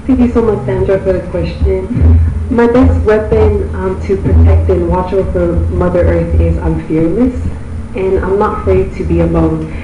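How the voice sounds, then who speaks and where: A young woman from Tonga, answering formal pageant questions in an earnest, measured way. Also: medium pitch, steady tone, muffled recording, noisy background. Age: young adult. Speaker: pageant contestant. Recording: echoey room from far off, music behind.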